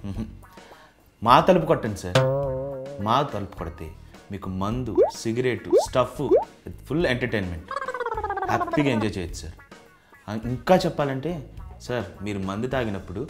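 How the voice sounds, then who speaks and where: A man's voice: lowish voice, expressive, a little fast, long pauses, over loud music. A young man, a bachelor tenant, earnestly persuading a house owner in a comedy sketch, saying "sir" again and again.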